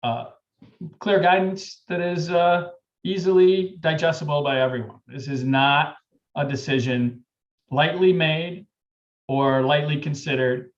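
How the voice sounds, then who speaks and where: Halting man chairing, slightly dull audio. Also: on the high side, fairly even intonation. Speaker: meeting chair. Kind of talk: unscripted public meeting remarks.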